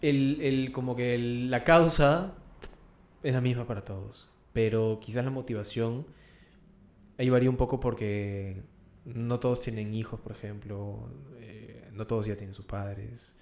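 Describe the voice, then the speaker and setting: A man hosts a casual interview. He talks in a relaxed way with plenty of fillers. His voice sounds roomy, with a clear echo around it. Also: mid-range voice, unhurried. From Peru. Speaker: podcast host.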